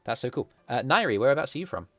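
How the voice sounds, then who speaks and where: A man's voice: medium pitch, sing-song, fast talker, fairly bright tone, no room sound. A man with a posh, plummy southern English accent, hosting a casual livestream interview. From south of England. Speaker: stream host interviewing artists.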